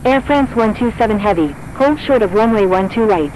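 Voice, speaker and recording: A woman plays a brisk, procedural tower controller in a flight game. The delivery is scripted air traffic control radio phraseology, clipped and formulaic, with faint noise behind it. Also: a little high, animated, lightly acted.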